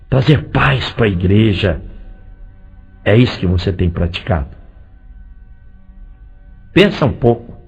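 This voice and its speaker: Man preaching, husky gravelly voice, lively pitch, dull lo-fi sound, faint music behind. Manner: animated preaching, direct questions to the congregation, swings between loud and soft. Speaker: pastor. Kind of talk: sermon.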